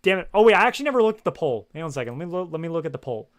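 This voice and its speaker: A male game streamer with a fairly high voice talks loosely into his headset mic. He wanders from point to point, packs his sentences with fillers, and swears often as he chats. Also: big pitch swings, very fast. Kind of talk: casual livestream chat. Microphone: gaming headset.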